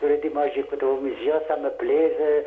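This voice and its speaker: Male phone-in caller, Kabyle Algerian accent, halting broken French with repetitions, narrow phone-band sound. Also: a little high, level tone. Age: middle-aged or older. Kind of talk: casual phone chat. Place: phone call to a TV show. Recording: tinny phone line.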